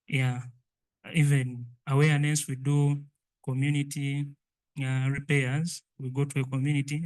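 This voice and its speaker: Young Ugandan man, evenly pitched, hesitant. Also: rough recording. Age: young adult. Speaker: student innovator. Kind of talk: answering questions at a pitch.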